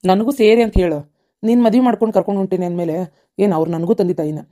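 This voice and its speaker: A woman's voice: mid-range voice, mellow, natural voice. A woman voicing an earnest, devoted young husband in a cartoon, with a North Karnataka Kannada accent. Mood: reassuring. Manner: fast and earnest.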